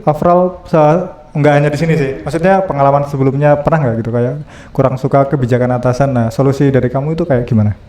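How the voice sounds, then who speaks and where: A man's voice: mid-range voice, fairly even intonation, fast, dark tone, roomy sound. A man hosting a casual office podcast chat, asking probing follow-up questions and tossing in frequent okays. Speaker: podcast host.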